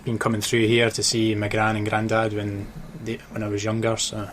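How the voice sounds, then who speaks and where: On this radio chat, a Dundee author and sports journalist speaks haltingly and thoughtfully, his low voice a bit bright and his delivery completely flat. He has a mixed Dundee, Glasgow and Edinburgh Scottish accent, and there's clear noise behind him.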